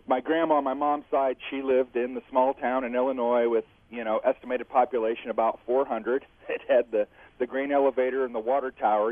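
A man's voice: mid-range voice, no room sound. Man calling in over a tinny phone line. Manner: reflective, heartfelt, chuckles between thoughts. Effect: heard over the phone. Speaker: radio caller. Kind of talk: call-in chat.

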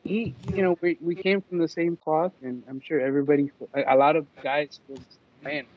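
A man's voice: a little high, little pitch movement, a little fast. A man guesting on a casual podcast, earnest and a little tipsy, trailing off as he talks. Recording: dull earbud mic sound.

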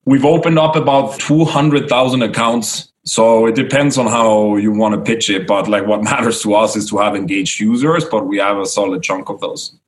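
A man's voice: on the low side, moderate pace, few pauses, low-quality recording. A man speaking as a startup founder in an interview, in a conversational tech-bro manner with business jargon and frequent "like", "right?" and "no?" tags.

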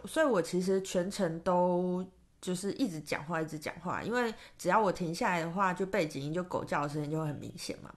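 A woman with a Taiwanese Mandarin accent hosting a solo podcast, chatting casually and rambling with many fillers and restarts. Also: fairly low pitch. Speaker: podcast host and tarot reader.

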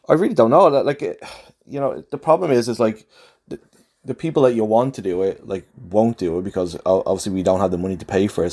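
A man with a deep, relaxed voice and a softened Dublin accent talks off the cuff. He rambles a little, feeling his way through his thoughts in everyday slang, like a fan leaving a friendly message. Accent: Dublin Irish, slightly softened. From Dublin, Ireland. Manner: hesitant, rambling, colloquial. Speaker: overseas football supporter leaving a voice message. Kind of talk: casual, off-the-cuff chat.

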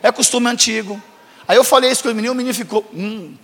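A man's voice: extremely high pitch, steady tone, rapid-fire, creaky, fairly bright tone, big-room sound. A man, a pastor giving a humorous storytelling sermon, acting out dialogue and teasing the congregation.

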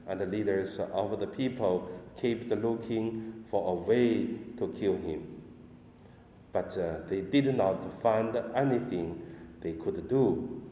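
Priest, male, slow and halting, mellow tone, big cathedral echo with long reverb. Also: on the low side, a little hiss or hum. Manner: halting delivery with frequent pauses. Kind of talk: Mass gospel reading and homily. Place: large church. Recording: echoey church with long reverb.

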